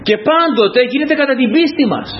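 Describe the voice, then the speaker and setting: A man preaching a sermon to his congregation, dramatic and full of rhetorical questions. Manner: dramatic, rhetorical questions, swinging from loud high to low quiet. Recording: dull lo-fi recording with faint noise.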